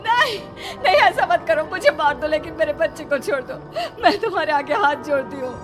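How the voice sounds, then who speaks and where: A woman's voice: high voice, lively intonation, fairly quick, over music, crowd noise, pitched above the performer's own voice. A woman voicing an anxious, protective mother in a melodramatic horror cartoon, speaking with urgent emotion. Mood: terrified pleading.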